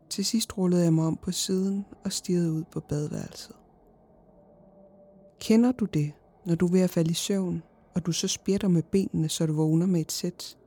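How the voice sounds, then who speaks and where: A woman reads a horror story in a slow, hushed voice that often drops to a whisper. Her tone is low, dark and husky, with faint music underneath. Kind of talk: scripted horror narration.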